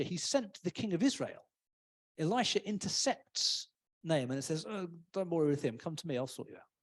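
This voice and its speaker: A man's voice: high voice, breathy edge. A man giving a casual, humorous sermon in a church, often acting out voices. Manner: chatty, humorous, acts out voices. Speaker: preacher.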